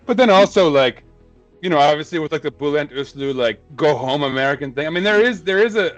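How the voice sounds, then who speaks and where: A man's voice: mid-range voice, highs cut off. A man hosting a football podcast, an English teacher, talking loosely with lots of fillers, laughs and swearing. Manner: animated, laughs often, swearing, many fillers. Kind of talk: casual podcast chat.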